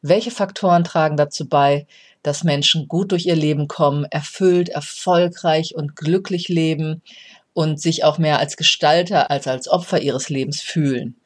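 Podcast host, motivational monologue, reflective, explanatory, speaks to the listener, mid pitch. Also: fairly even intonation, measured pace. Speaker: podcast host, resilience coach.

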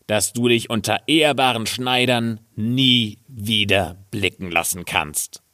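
A man's voice: fairly low pitch, slow, pushed and bright, dry recording, clean studio sound. A man playing a hot-tempered old tailor in a storybook reading, scolding and indignant. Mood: enraged.

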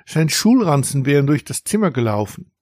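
A man voicing a caring, slightly worried mother in a children's audiobook, speaking gently. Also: a little high, big pitch swings, moderate pace, no echo, studio quality. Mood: concerned. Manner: gentle, concerned.

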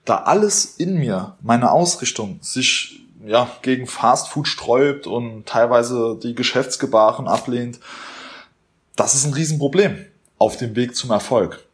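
A man's voice: medium pitch, measured pace. A man hosting a motivational podcast, speaking earnestly and coaching the listener directly. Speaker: podcast host.

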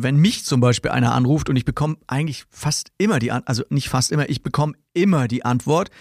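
Gravelly, chatty male sales trainer. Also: mid-range voice, no room sound, clean studio sound. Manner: direct, chatty, mocks stock sales phrases with a laugh. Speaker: sales trainer and podcast host. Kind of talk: casual podcast monologue.

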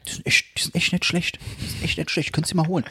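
A man imitating his grumbling older father in a Hessian accent, talking slowly while eating on the phone. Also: a little high, flat delivery, pushed and bright, slight background noise. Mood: rambling.

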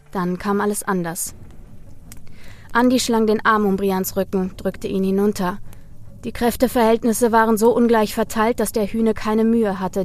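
Female audiobook narrator, measured, mid pitch, faint music bed.

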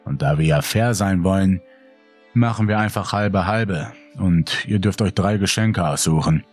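A cruel male intruder with a sneering, taunting delivery, as a storyteller puts him on. The voice sits very low and sounds husky, with faint music beneath it. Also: measured pace. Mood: mocking.

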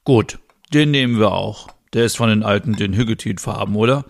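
A man voicing a kind, quirky young man in a calm, easygoing manner. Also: on the low side, fairly quick, gravelly. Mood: friendly. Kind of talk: voicing characters in a narrated story.

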